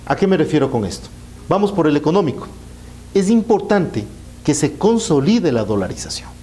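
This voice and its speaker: Político ecuatoriano de voz aguda y expresiva. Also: male voice, a little high, very animated, moderate pace, mellow, a little hiss or hum. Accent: Ecuadorian. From Ecuador. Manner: emphatic, enumerates his points. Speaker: politician, interview guest. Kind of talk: political interview.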